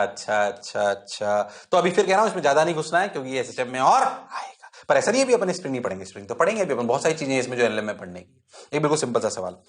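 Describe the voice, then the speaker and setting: A man teaching physics in a lively, jokey way, constantly checking that the class is following and sometimes answering his own questions in a low student voice. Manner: jokey and self-mocking. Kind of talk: online exam-prep lecture.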